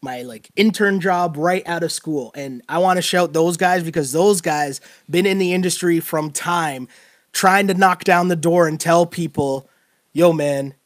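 A man hosting a casual sports podcast, animated and full of "like.". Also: a little high, a little slow, no echo, studio quality. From Canada. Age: 30s. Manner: animated, talks with filler "like" and laughs. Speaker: podcast host.

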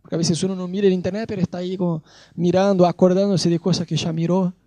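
A male preacher giving a sermon, an animated storyteller who jokes about his own youth. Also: high voice, fast, dry recording. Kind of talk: sermon with personal anecdotes.

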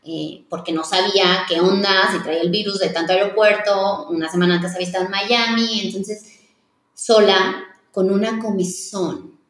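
A woman in her thirties who works as a wedding planner tells a personal story frankly in an interview, earnest and confiding, often starting her sentences over. Her mid-range voice is a bit bright, with fairly even intonation and a moderate pace. The room has a noticeable echo.

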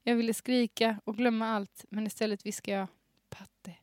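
Reading her own teenage story on her podcast, a young adult woman keeps swallowing giggles. Her voice sits on the high side, with a level, slightly mellow tone. The recording is dry, made on a studio microphone with headphones.

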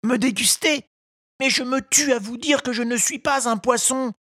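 A man's voice: moderate pace, pushed and bright, dry recording, clean studio sound, exaggerated voice. A man voicing a small wooden puppet boy who sounds anxious and indignant. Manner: high, pleading, indignant.

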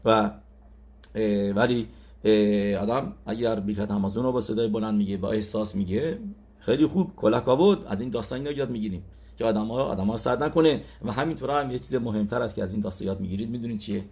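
A man's voice: on the low side, mellow. A man giving a sermon as a religious teacher, retelling a story animatedly with acted-out quotes.

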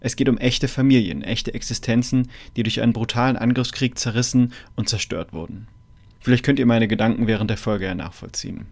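A man's voice: medium pitch, fairly even intonation, a little fast, vocal fry, darkish tone. A man hosting a podcast, reading an earnest scripted introduction and then interviewing his guest. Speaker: podcast host.

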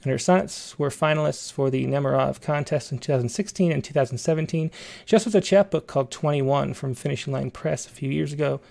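A man with a creaky voice casually hosting and interviewing a guest on a poetry show. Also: a little high, fast, darkish tone. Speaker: host of a poetry reading show.

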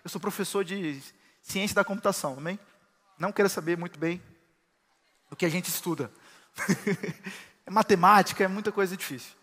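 High-voiced preaching pastor. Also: male voice, normal speed, pauses often, long reverb tail. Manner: preaching with rising shouts of praise. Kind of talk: sermon.

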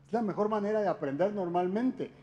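Chatty preacher, mellow voice. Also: male voice, high voice, fairly quick, lo-fi sound. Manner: chatty, addresses listeners directly with rhetorical questions. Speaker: church speaker. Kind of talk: conversational sermon talk.

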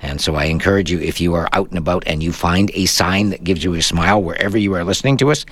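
A man's voice: sits low, fast, fairly bright tone, no room sound. A man from Canada hosting a radio tech talk show, chatting casually and explaining steps plainly.

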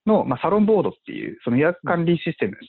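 Male investor guest, animated, husky, tinny phone-like sound. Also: on the high side, very fast. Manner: animated, many fillers, acts out quotes. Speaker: venture investor. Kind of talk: casual podcast conversation.

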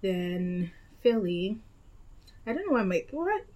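A woman's voice: medium pitch, sing-song, takes it slowly, warm tone. A young woman from Nigeria chatting casually about places she has lived, rambling and correcting herself as she goes. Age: young adult. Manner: chatty, meandering, with frequent self-corrections. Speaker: guest. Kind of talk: casual chat.

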